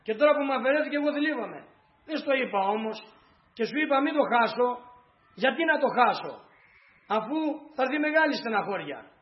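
A man's voice: sits high, sing-song, echoey room, lo-fi sound. A man voicing a grieving mother, raised and anguished. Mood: anguished, reproachful. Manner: anguished, reproachful questioning. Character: grieving bereaved mother pleading with God.

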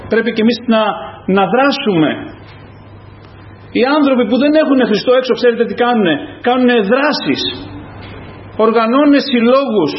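A man's voice: very high voice, a little hiss or hum. A man preaching a fervent sermon as pastor, calling out to the congregation again and again. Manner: fervent, repetitive calls to the congregation. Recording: echoey, dull lo-fi church recording.

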